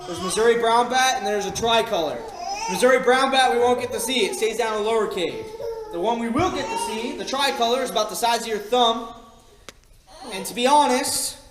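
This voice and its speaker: A man's voice: extremely high pitch, a little fast. A man working as a cave tour guide, talking to his group in a jokey, informal way. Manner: jokey, informal, addresses group as "you guys". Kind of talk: guided tour patter, explaining and joking to a group. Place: inside a cave, on an open tour vehicle. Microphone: picked up from a distance by a passenger's recorder. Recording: echoey cave, distant, with people and vehicle noise.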